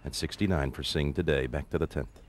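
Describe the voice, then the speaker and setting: A man giving unhurried, formal live golf commentary. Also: extremely low pitch. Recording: very noisy crowd-filled outdoor feed. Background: loud crowd.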